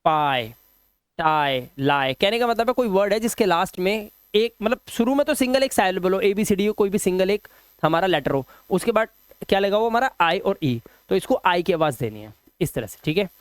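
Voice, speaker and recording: A man teaching English pronunciation, drilling word lists slowly and chatting with viewers between rules. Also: high voice, lively intonation, clear, resonant tone, dry recording. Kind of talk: spoken English lesson.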